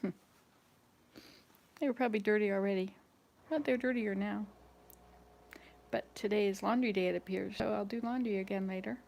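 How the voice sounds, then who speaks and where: A woman's voice: medium pitch, fairly even intonation, normal speed, vocal fry, long pauses, a little mellow. A woman in her sixties chatting casually to viewers while she cleans her house, rambling from one chore to the next. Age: 60s. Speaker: vlogger. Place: home indoors.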